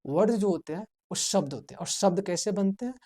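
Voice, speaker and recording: A man's voice: high-pitched, brisk, mellow. Man teaching, quizzing and repeating. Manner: asks the class questions and answers them himself, repeating key words; urges students to write things down. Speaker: spoken English teacher. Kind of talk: classroom lesson in Hindi.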